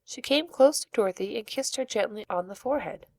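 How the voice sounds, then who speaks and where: A woman narrating a storybook in a calm, even manner. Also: on the high side, brisk, no room sound. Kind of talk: storybook reading.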